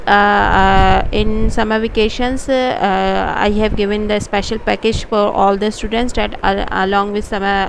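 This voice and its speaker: A woman's voice: medium pitch, gravelly, a little hiss or hum, rough recording. A woman tutor giving a grammar lesson from slides, hesitating often with filler sounds and switching between English and Hindi. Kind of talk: slide-based grammar lecture.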